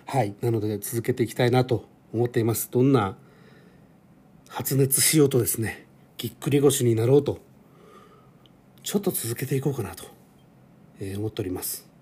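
A man's voice: mid-range voice, normal speed, long pauses, warm tone, slightly rough. A man in his forties hosting a casual solo podcast, rambling and self-deprecating with lots of fillers. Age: 40s. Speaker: podcast host. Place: home.

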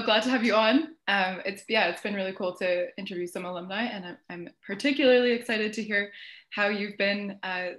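A woman's voice: mid-range voice, fairly bright tone. Woman host in an echoey room. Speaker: podcast host. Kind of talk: casual interview chat.

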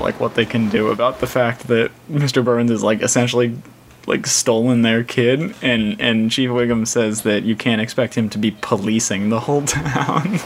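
A man's voice: medium pitch, a little hiss or hum. A man co-hosting a podcast in casual chat, laughing often and using many fillers. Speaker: podcast co-host.

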